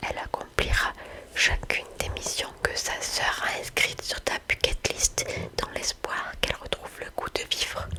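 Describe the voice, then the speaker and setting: A woman speaking in a soft library-like whisper, talking about books and reading aloud in an ASMR style. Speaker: book haul video host. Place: indoors, in front of bookshelves.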